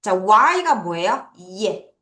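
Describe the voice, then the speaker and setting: A woman's voice: mid-range voice, sing-song, drawn-out words, a bit bright, reverberant. A woman teaching English words to young children, drilling them in call-and-response and laughing often. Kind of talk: children's vocabulary lesson.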